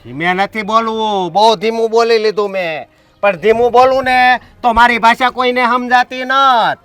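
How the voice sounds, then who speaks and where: A man's voice: very high voice, fairly even intonation, moderate pace, a bit bright, clear, resonant tone, faint music behind. A man playing a stubborn village enforcer in a short film, bossy and threatening. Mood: stern. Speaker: village strongman blocking the road. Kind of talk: short film drama acting.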